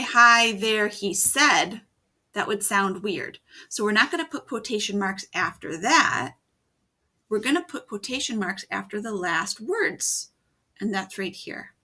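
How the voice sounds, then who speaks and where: A woman teacher giving a video writing lesson for children, explaining slowly and patiently step by step. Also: medium pitch, vocal fry, sharp tone.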